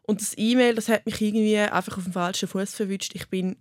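Fast-talking Swiss German woman. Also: medium pitch, steady tone, a little mellow, no room sound, clean studio sound. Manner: candid, halting, many restarts. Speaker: interview guest. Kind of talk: personal interview talk.

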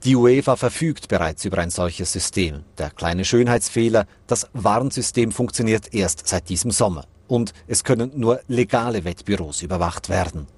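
A man's voice: on the low side, normal speed, hardly any pauses, a little mellow, slightly rough. A male reporter reading a scripted radio news report in a formal way. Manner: formal, narrating.

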